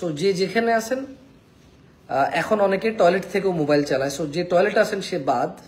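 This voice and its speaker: A man teaching Quran pronunciation in a live online lesson, coaxing viewers to repeat each letter after him and checking in often. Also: sits high. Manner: repeats Arabic letters slowly, checks in with "কেমন?".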